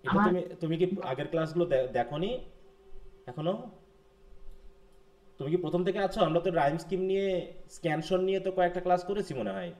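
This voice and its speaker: A man's voice: a little high, animated, quick pace, pauses often. A man from Bangladesh teaching a live online class, questioning students and mixing English terms into his lecture.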